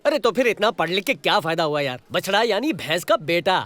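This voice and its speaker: A man's voice: high-pitched, sing-song, fairly quick, a crowd in the background. An actor playing a boastful young village man spinning a comic tall tale. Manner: comic, exaggerating. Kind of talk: film dialogue. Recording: film audio with music underneath.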